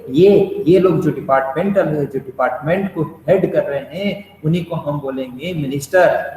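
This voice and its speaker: A man's voice: fairly high pitch, warm tone. A man giving a classroom lecture, explaining step by step and putting questions to his students, with English phrases mixed in. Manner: explains with repeated questions and "bhai sahab" asides, mixing English phrases. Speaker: teacher. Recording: echoey hall with faint noise.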